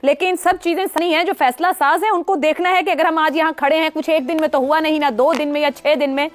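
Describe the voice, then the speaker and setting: A woman hosting a television current-affairs talk show, speaking in a measured, formal way as she moderates and reads news. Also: high voice, steady tone. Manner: measured, formal, agreeing interjections. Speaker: TV talk show host and anchor.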